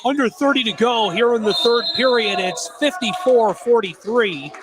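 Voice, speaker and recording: Play by play guy courtside, really high voice, quick score calls, gym noise all around. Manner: brisk score and clock calls. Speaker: play-by-play announcer. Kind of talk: local sports radio play-by-play.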